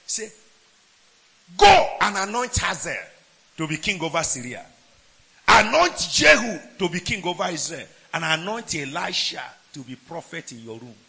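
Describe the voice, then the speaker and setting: A man preaching a sermon. He swings between shouted lines and low asides, and keeps asking the congregation questions. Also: creaky, slight background noise. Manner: asks the congregation questions, laughs between points.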